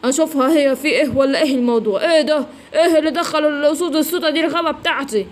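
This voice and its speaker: A boastful, protective lion king of the jungle, as a woman puts him on in a children's storybook reading. The Egyptian accent is plain, and he talks fast and high. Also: natural voice. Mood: proud. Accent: Egyptian Arabic.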